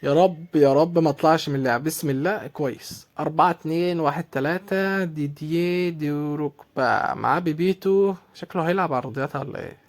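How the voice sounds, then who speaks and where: A man's voice: fairly high pitch, a little fast, dry recording. A young man with an Egyptian Arabic accent commenting on his own football game, exasperated and repeating himself as he reacts to each play. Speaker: gaming YouTuber. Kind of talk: live gameplay commentary.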